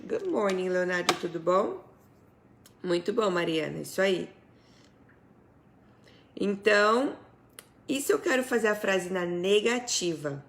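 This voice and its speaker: Woman from Brazil, English teacher on a live class; slow, patient delivery with a low, gravelly voice. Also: animated. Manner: slow, patient explaining with questions to viewers. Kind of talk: live online English lesson.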